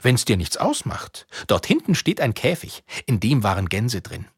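A man reading aloud, voicing a grumbling, sly old witch in a husky, put-on high voice. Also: sing-song, normal speed, dry recording, studio quality. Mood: friendly.

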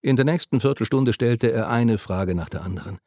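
A man reading a novel aloud in a calm, measured narration. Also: medium pitch, no echo, studio quality. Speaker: audiobook narrator. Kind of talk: scripted narration.

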